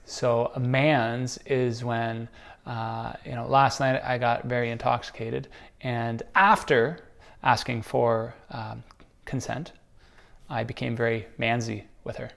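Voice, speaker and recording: A man chatting casually and jokily as he thinks out loud in a guessing game, making up playful example sentences. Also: medium pitch, fairly even intonation, slow, vocal fry. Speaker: contestant guessing slang.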